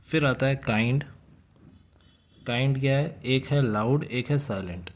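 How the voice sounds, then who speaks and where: A young man teaching from study notes in a casual lecture style, explaining at a conversational pace and slowing down to read English lines. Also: medium pitch.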